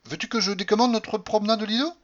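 A man doing an excitable, adoring young lover. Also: sits high, quick pace, muffled recording, pitched above the performer's own voice, lightly acted. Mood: protesting. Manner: exclamatory, emphatic.

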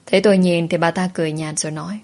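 A woman narrating a story in first person, steady and plain. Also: lowish voice, very fast.

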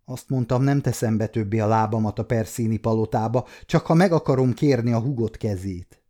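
A man in his fifties voicing a wounded, bedridden knight in his thirties who speaks earnestly, with gentle wry humor. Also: mid-range voice, natural voice. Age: 50s.

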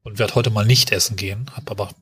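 A man's voice: lowish voice, steady tone, fast, fairly bright tone, slightly rough. A man chatting casually as a podcast co-host in a colloquial, rambling way. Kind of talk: casual chat.

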